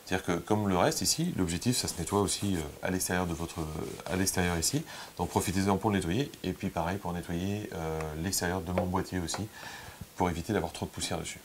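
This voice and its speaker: A man teaching photography, talking viewers through a hands-on cleaning demonstration in a relaxed, chatty way with frequent hesitations. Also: low-pitched, quick pace, noisy background.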